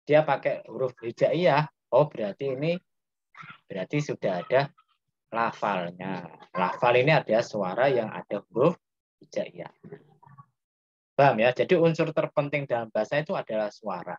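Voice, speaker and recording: A man's voice: mid-range voice, lively intonation, normal speed, pauses often, no room sound, highs cut off. A man with a Javanese accent teaching a class and quizzing his students as he explains. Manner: asks students questions, explains step by step. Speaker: Islamic grammar teacher. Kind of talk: interactive classroom lesson.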